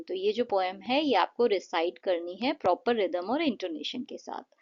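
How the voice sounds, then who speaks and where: A woman teaching English in Hindi. She explains a poem line by line, fills pauses with "jo hai", and keeps checking with "right?". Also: medium pitch, darkish tone, lo-fi sound.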